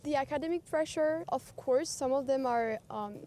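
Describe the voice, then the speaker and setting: A woman's voice: high voice, normal speed, warm tone, a little hiss or hum. A woman answering a street interview earnestly, with some hesitations.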